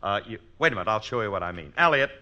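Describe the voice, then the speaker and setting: A man's voice: fairly low pitch, animated, rapid-fire, pushed and bright, dull audio. A man playing a bossy, scheming husband in an old-time radio comedy, with an insistent, blustering and wheedling delivery. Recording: noisy old radio recording.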